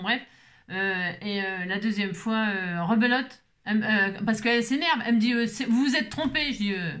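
A middle-aged woman hosting a crafting channel, telling stories in a casual, lively way with lots of fillers. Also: mid-range voice. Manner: lively, animated storyteller with many fillers. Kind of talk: casual chatty vlog storytelling.

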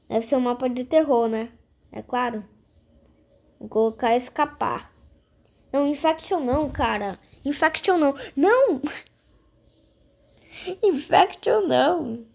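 A woman's voice: sits high, vocal fry. A female gaming host giving casual game commentary, talking straight to viewers and repeating phrases. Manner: repetitive, addresses viewers directly.

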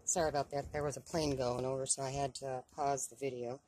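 A woman's voice: very deep voice, steady tone, brisk, heavy background noise. A woman chatting casually in a how-to vlog from inside her van, with frequent ums and a self-deprecating manner. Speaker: van-life vlogger. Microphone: camera on a tripod.

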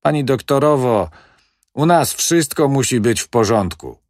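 A man reading the part of a brash, boastful middle-aged male building manager, talking loud and cocky. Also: medium pitch, expressive, a little slow, no room sound, clean studio sound, voice pushed up, close to an everyday voice.

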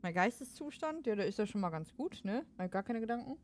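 A woman giving casual let's play commentary, excitable and laughing often, shouting commands at the game. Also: mid-range voice, fast, slight background noise.

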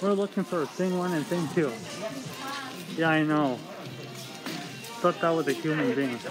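A man's voice: a little high, measured pace, rough recording. A young man filming himself on a handheld phone, casually narrating as he wanders through an indoor flea market. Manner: rambling, offhand commentary while walking. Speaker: vlogger. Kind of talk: casual walking vlog. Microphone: handheld phone camera at arm's length. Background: loud background music.

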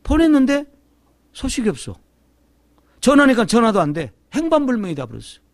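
A middle-aged man, a pastor, telling a testimony sermon in an animated storytelling way, acting out the voices of the people in his story. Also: very high-pitched, fairly quick, dry recording.

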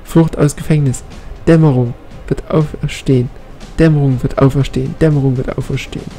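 A man voicing cryptic alien energy beings in slow, halting, fragmented phrases while reading game dialogue aloud. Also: medium pitch, steady tone, mellow, faint music behind, lightly acted.

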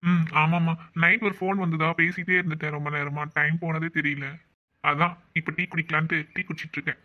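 An easygoing, teasing young husband in a cartoon, played by a woman in a lowered voice that talks quickly. The recording sounds dull and lo-fi. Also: fairly even intonation, close to an everyday voice. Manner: teasing, gentle with the child. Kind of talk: cartoon voice acting.

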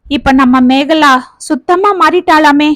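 Brief: humble young brother apologizing, high voice, read by a woman. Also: a little slow, fairly bright tone, no echo, clean studio sound. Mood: apologetic.

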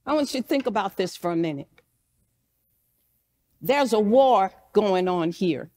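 A woman's voice: medium pitch, animated, measured pace, dark tone. A woman pastor preaching a sermon, retelling scripture as a story and acting out the speakers' lines.

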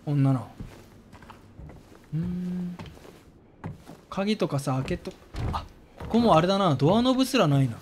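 A man's voice: high voice, expressive, measured pace, long pauses, a little mellow, slight background noise. A man giving jumpy let's play commentary, yelping and squealing whenever something scares him. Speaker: game streamer. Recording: voice over game music.

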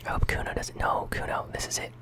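A gaming channel host giving whispered ASMR commentary on a game. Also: fast.

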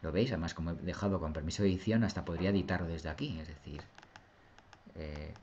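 Male teacher, low voice, patient step-by-step explainer on a dull lo-fi mic. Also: fast talker, a little mellow, slight background noise. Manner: patient, step-by-step, often asks "¿lo veis?". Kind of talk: screen-recorded software tutorial.

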